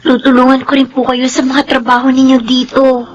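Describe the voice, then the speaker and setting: A woman's voice: sits high, monotone, a little fast, muffled recording, faint music behind, natural voice. A woman acting as a caring, respectful young student, a nanny's daughter, in a Filipino radio drama. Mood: reassuring. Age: young adult. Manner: polite, deferential.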